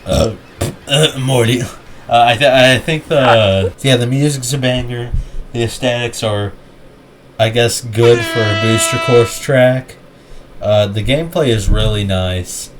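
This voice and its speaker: A man's voice: medium pitch, measured pace, a little hiss or hum. A young man chatting casually while ranking game tracks, rambling with lots of restarts and jokey asides. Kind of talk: casual gaming chat.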